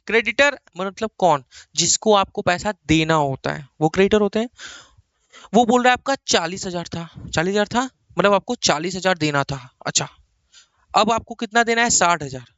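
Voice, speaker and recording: A man's voice: high-pitched, a bit bright, smooth, dry recording, highs cut off. A man from India teaching accounting in a classroom-style lecture, coaxing and repeating points for his students.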